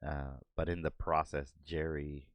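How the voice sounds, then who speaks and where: A man's voice: rumbling low, level tone, unhurried, no room sound. A man hosting a podcast, chatting casually while he doodles, laughing often and acting out cartoon moments. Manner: laid-back, laughs often, acts out cartoon bits. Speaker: podcast host and artist. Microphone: desk microphone.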